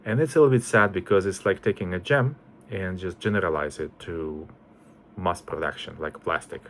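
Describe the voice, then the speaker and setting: Low-voiced hesitant man. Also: normal speed, fairly bright tone, slight background noise. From Estonia. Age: 40s. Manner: hesitant, many fillers and restarts. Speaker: composer introducing himself. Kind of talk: casual self-introduction.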